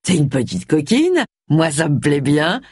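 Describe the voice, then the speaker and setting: A woman's voice: low voice, very animated, a little slow, darkish tone, breathy edge, no room sound, heavily acted. A woman reading a storybook who voices a smug, suggestive older male politician, close to her own voice.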